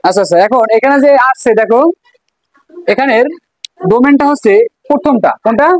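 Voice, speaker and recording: Woman teacher, Bangladeshi Bengali accent, higher voice, dry close sound, coaxing a class. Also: expressive, brisk, no echo, low-quality recording. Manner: coaxing, asks questions and repeats answers. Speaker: math teacher. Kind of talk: classroom lesson to students.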